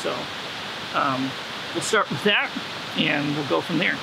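A man's voice: fairly high pitch, unhurried, vocal fry. A man hiking and making a wreath in a snowy forest, talking casually with lots of fillers to a camera set some distance away. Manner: relaxed, rambling with fillers. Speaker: hiking vlogger. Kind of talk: casual outdoor vlog narration. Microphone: camera on tripod at a distance. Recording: loud outdoor hiss from a stream.

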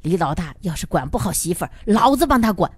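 A woman puts on a hot-tempered middle-aged peasant father in a storybook reading, his voice pushed lower than her narration. He sounds gruff and blustering, in a dry close recording. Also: big pitch swings, fast, no room sound. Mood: angry bluster.

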